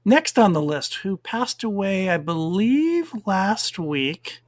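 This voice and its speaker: A man co-hosting a casual podcast, rambling in a relaxed way as he works through a list. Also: sits high, takes it slowly, dry recording. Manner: relaxed and rambling, with fillers while reading down a list. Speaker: podcast co-host. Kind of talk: casual chat.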